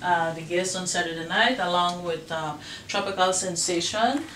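A woman's voice: fairly low pitch, normal speed, fairly bright tone, a little hiss or hum. Middle-aged lady rambling thru a lineup, lots of uhs, roomy far-off sound. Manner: rambling, many fillers. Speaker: guest, festival organizer. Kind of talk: casual chat. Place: dining room at home.

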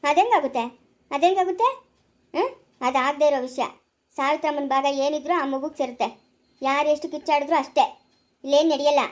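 A woman's voice: high voice, a little fast, long pauses, close to an everyday voice. A woman playing a harsh female police officer who scolds and threatens, in an amateur family drama. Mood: firm.

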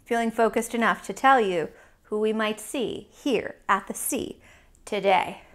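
A woman teaching yoga to young children, playful and silly, with sudden high exclamations. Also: measured pace, a bit bright. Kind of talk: guided kids' yoga lesson.

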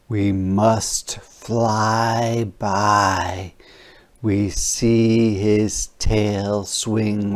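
A narrator with a medium-pitched voice reads a children's picture book aloud. The delivery is expressive, deliberate, and dramatic.

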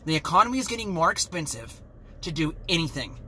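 Fired-up guy ranting in his vlog, sharp bright voice, bit higher pitched, faint car hum behind. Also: very animated, fast. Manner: heated, exasperated ranting. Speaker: vlogger. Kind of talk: angry rant.

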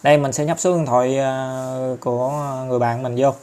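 A man with a Southern Vietnamese accent talking viewers through an app tutorial step by step, chatty and filling pauses often. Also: medium pitch, fairly even intonation, a little mellow. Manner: chatty, step-by-step, many fillers and tag particles. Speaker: tutorial host. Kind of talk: screen-recorded app tutorial.

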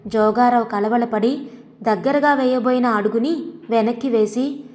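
A woman storyteller reading a story in a measured, dramatic way. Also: a little high, darkish tone. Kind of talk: scripted story narration. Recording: long reverb.

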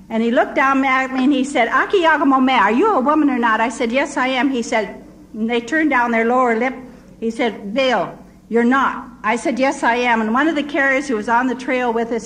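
An older woman giving a personal testimony, telling stories and voicing the people she met with lively quotes. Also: fairly high pitch, low-quality recording. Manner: storytelling, quoting villagers in lively voices. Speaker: missionary speaker.

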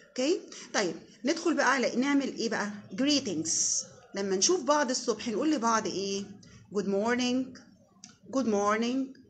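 A young woman teacher with an Egyptian Arabic accent leads a children's English lesson, saying each word slowly and repeating it. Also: a little high, a little hiss or hum. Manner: slow, deliberate English drills with repeated words, quick Arabic explanations. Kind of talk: classroom lesson with call-and-repeat drills.

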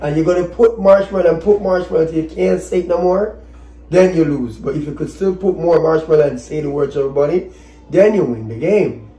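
A woman's voice: low voice, fairly quick, warm tone. A woman casually explaining a challenge to the camera as host. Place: home kitchen. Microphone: camera across a table. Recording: echoey room.

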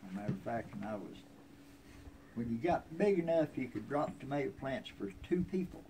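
A man in his seventies with a rural American accent reminisces about family history on a covered wooden porch, folksy and plainspoken. His medium-pitched, dark voice is expressive and a little fast. The low-quality recording comes from a handheld phone a few feet away, with outdoor ambient noise.

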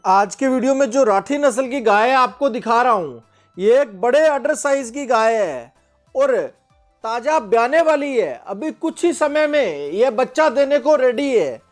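Man, high voice, livestock sale voice-over, steady promotional delivery, faint music underneath. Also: unhurried. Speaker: host of a livestock sale channel. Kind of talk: scripted voice-over presenting a cow for sale.

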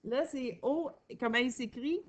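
A woman with a Québécois accent teaching a reading lesson to children, sounding out words slowly and praising answers. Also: high voice. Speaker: primary school teacher.

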